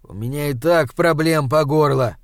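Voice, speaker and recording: A man voicing a tired, passive young man in an audiobook, speaking flatly and resignedly. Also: fairly high pitch, moderate pace, dry recording, clean studio sound, natural voice. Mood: weary.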